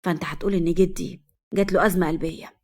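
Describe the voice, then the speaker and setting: A woman voicing a tough young man with an Egyptian accent, speaking low and hushed. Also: fairly even intonation, very fast. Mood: threatening.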